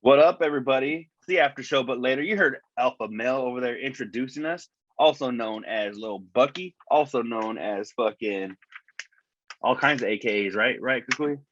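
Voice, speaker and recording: A podcast co-host speaks in a medium-pitched, slightly bright voice at normal speed, recorded through wireless earbuds that make him sound thin and tinny. The lo-fi audio has a dull top end in a dry, close room with no room sound. He rambles loosely in casual chat, piling on swear words and fillers.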